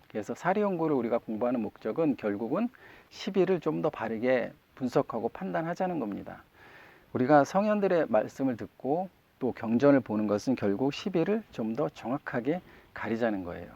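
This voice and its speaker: Gravelly-voiced man giving a sermon. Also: medium pitch, darkish tone, no echo. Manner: conversational, asks the congregation questions. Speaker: Won Buddhist minister. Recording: muffled dry recording.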